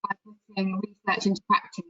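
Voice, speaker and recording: A woman's voice: mid-range voice, monotone, brisk, sharp tone. Give me a woman presenting a webinar over a dull, lo-fi call line, her audio uneven and cutting out. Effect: uneven volume, audio cutting out. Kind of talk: presenting slides in an online webinar.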